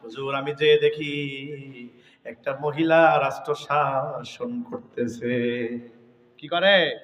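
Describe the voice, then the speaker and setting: A preacher voicing an earnest humble hoopoe bird. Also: male voice, medium pitch, fairly even intonation, slow pace, fairly bright tone, big-room sound, voice pushed down. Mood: deferential. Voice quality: earnest, deferential, pleading. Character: humble male hoopoe bird reporting to a king. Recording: voice from far off the mic.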